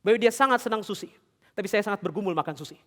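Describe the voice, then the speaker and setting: A middle-aged man preaching a sermon as pastor, swinging from loud, high exhortation to quiet storytelling and asking the congregation direct questions. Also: rapid-fire. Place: large church hall. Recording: long church hall reverb.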